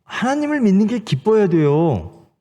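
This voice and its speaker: A male pastor delivers a sermon in a high voice that rises and falls dramatically. He presses his point with rhetorical questions and direct exhortations to the congregation. His words carry a long reverb through the church sanctuary. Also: very animated, moderate pace, dark tone.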